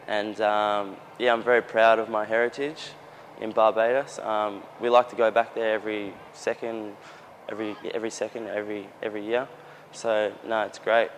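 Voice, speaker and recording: A man's voice: fairly low pitch, flat delivery, normal speed, slight background noise. A young Australian soccer player answering interview questions in an earnest, casual way, often restarting his sentences. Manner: earnest, with frequent restarts and fillers. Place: outdoors near a gym in a built-up area.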